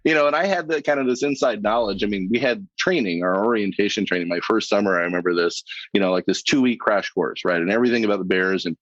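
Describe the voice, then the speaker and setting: Lively lower-voiced man telling stories. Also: fast talker, few pauses, no echo. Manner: lively storyteller, laughs as he tells anecdotes. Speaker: guest. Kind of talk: storytelling in a podcast interview. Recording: dull lo-fi sound, dry.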